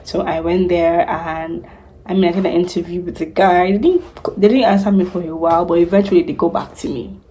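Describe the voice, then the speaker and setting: A young Nigerian woman in her twenties, a news anchor, telling her career story in a chatty, animated vlog. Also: lowish voice, a little fast, slight background noise, poor audio.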